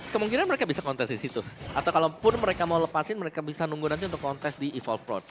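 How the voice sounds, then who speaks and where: Man, high pitch, fast talking, Indonesian accent, esports game announcer, live match analysis, music behind. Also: big pitch swings. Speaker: esports commentator.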